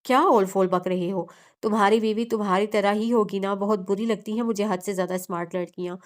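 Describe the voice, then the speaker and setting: A woman's voice: mid-range voice, fairly even intonation, fairly quick, close to an everyday voice. A woman reading the lines of an angry mother who dotes on her grown son. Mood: scolding. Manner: scolding and loud.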